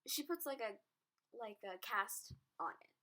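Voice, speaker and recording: A woman's voice: fairly high pitch, lively intonation, unhurried, pushed and bright, poor audio. A teenage girl telling a story in a casual vlog, chatty and self-mocking. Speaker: vlogger.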